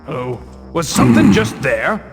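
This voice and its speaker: An actor playing a jumpy, grumbling guard on watch in a stealth video game. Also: male voice, medium pitch, normal speed, music in the background, natural voice. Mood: wary. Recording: long hall reverb under loud game audio.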